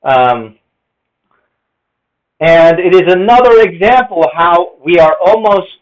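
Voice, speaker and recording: A man's voice: high voice, expressive, takes it slowly. A man explaining language and in a rambling lecture, thinking aloud with many fillers. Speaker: language teacher. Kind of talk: casual lecture on accents. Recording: dull lo-fi recording.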